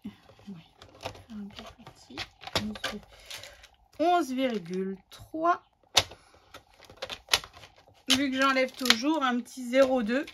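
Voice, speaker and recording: A woman talks through her crafting in an unhurried, relaxed way, her voice sitting a little high. She chats casually and thinks aloud between steps. A faint hiss sits under the recording. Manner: chatty, thinks aloud while working, many fillers. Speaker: scrapbooking tutorial host.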